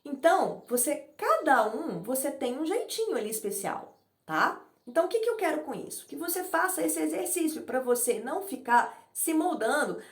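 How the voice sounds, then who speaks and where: A middle-aged woman teaching an informal online class on speaking to camera. She demonstrates breathing and acts out quoted messages in a chatty, lively way. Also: sits high, roomy sound. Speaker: speaking coach. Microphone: camera in front of her.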